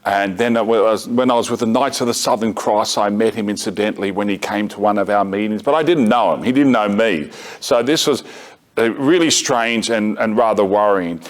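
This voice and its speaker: A man's voice: lowish voice, moderate pace. Wry middle-aged man lecturing. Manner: conversational, self-correcting, wry asides. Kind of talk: lecture mixed with personal anecdote. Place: parish gathering room.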